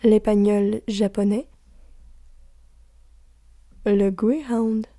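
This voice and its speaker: Québécoise woman reading a list real slow, soft mellow voice, dry close sound. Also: mid-range voice, steady tone, no echo. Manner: soft, slow, drops to a whisper for asides.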